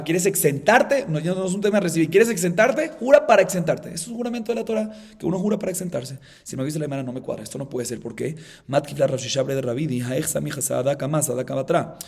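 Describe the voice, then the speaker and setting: Fast-talking rabbi teaching Talmud. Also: male voice, fairly high pitch, darkish tone, breathy edge. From Colombia. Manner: explains by acting out both sides of a dispute; repetitive, restarts phrases, asks and answers himself. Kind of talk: Talmud class lecture.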